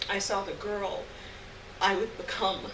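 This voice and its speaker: Performing live on stage, a woman gives an expressive, dramatic reading of a literary short story and acts out the dialogue. Her voice is mid-range and her pace measured. The recording was made from a distance, so it sounds roomy, with clear background noise.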